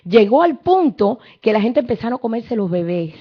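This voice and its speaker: A fervent woman preacher tells Bible stories straight to her congregation. Her voice sits a little high and sounds husky, and the recording is dull and lo-fi. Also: big pitch swings, normal speed. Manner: fervent, storytelling, addresses the congregation. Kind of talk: sermon.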